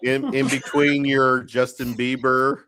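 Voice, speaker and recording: A man's voice: medium pitch, level tone, slow, a bit bright, smooth, dry recording. A man hosting a sports podcast roundtable, teasing his panel and signing off the show. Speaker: podcast host. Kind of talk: casual podcast banter.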